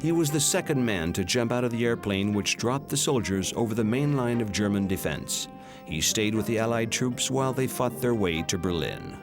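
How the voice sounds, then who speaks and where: A man giving measured, solemn scripted narration for a documentary. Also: lowish voice, big pitch swings. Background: music.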